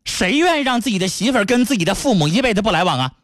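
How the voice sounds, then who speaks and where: A man hosting a radio call-in advice show, lecturing a caller in a rapid, scolding tone. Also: high voice, very animated, fairly bright tone, no echo, clean studio sound.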